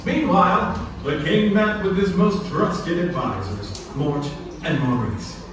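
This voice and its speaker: A man with a voice on the high side reads scripted storybook narration slowly for a puppet show at an indoor attraction. He's heard from the audience's distance, so the sound is echoey and distant, with background noise.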